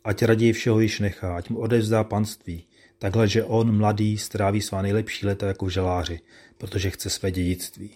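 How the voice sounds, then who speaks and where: A man narrating a classic tale in a measured, solemn manner. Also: fairly low pitch, level tone, a little mellow.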